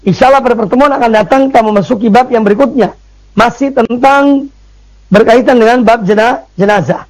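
High-pitched emphatic man preaching. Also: fairly quick, low-quality recording. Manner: emphatic, repeats phrases with frequent "ya" fillers. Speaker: Islamic preacher. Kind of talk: religious study lecture.

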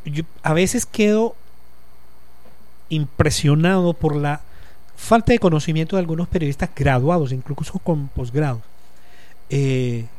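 A man in his fifties with a Caribbean Colombian accent and a slightly higher-than-usual pitch for a man. He talks in a relaxed radio interview, working through long, reflective explanations. He pauses often and leans on small fillers as he thinks. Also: no room sound. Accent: Colombian Caribbean coast. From Colombian Caribbean coast. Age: 50s. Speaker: guest, journalist and lecturer. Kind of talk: casual radio interview talk.

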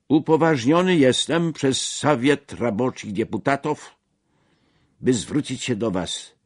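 A man voicing a fiery male revolutionary agitator rousing a workers' meeting with declamatory speech and shouted slogans. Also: mid-range voice, slightly rough, no room sound, studio quality, pitched above the performer's own voice, heavily acted.

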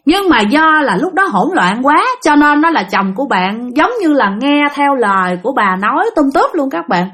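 A woman with a Southern Vietnamese accent narrating a ghost story, talking lively and addressing her listeners directly. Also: sits high, moderate pace, few pauses.

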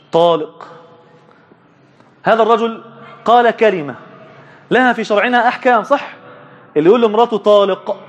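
A man with an Egyptian Arabic accent teaching a religious lesson, asking his listeners questions and answering them himself, stretching key words slowly for emphasis. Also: high-pitched, lo-fi sound.

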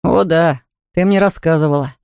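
A woman's voice: low voice, normal speed, creaky, a little mellow, clean tone, no room sound, clean studio sound. A woman reading aloud, voicing a reserved young man who answers tersely and grudgingly. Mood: sullen.

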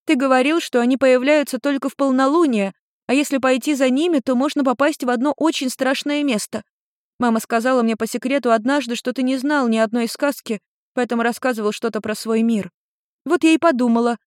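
A woman's voice: high-pitched, dry recording, studio quality, natural voice. A woman voicing an indignant seventeen-year-old girl who fires questions at her long-lost father in an audiobook. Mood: explaining. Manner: indignant, rapid-fire questioning. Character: feisty teenage girl searching for her father. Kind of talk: audiobook character voice.

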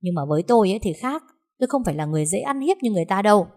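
A woman voicing a defiant young daughter-in-law who speaks fast and cuttingly in a narrated story. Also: medium pitch, expressive, a little mellow, lightly acted.

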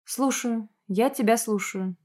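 A woman voicing a defiant young woman in an audiobook, scornful and sharp, often shouting back. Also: fairly high pitch, a little slow.

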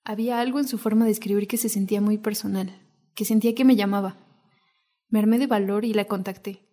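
A woman's voice: medium pitch, steady tone, fast, warm tone. A woman narrating a documentary podcast in a reflective, intimate scripted way. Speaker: narrator and host.

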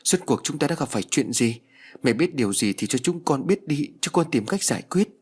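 A man's voice: fairly low pitch, big pitch swings, fast, slightly rough. A man voicing a practical young woman who keeps asking questions in an audiobook ghost story. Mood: urgent. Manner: urgent, questioning storybook dialogue.

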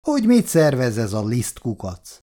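A man voicing a rude, quarrelsome younger tenant who snaps and mocks in a gruff, loud way, in an audiobook reading. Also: medium pitch, huge pitch swings. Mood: hostile. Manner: gruff, shouting, mocking.

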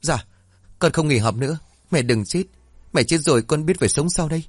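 A man's voice: a little high, lively intonation, a little fast, breathy edge, dry recording, clean studio sound, pitched above the performer's own voice. A man doing a frightened, loving schoolboy. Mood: worried. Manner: anxious, pleading. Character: worried teenage schoolboy son, loving and frightened.

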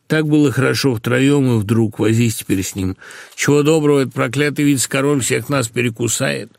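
A man's voice: medium pitch, fairly quick, creaky, darkish tone, dry recording, studio quality, close to an everyday voice. A man voicing a grown man faking madness as Caesar, who mutters lazily and menacingly. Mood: grumbling. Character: gruff sham madman posing as Caesar, a grown man.

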